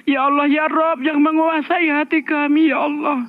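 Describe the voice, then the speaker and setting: High-voiced man praying over a phone line. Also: level tone, moderate pace. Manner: repeats a refrain after every phrase. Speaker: co-host leading a prayer. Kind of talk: fervent spoken prayer. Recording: thin, dry phone-line audio.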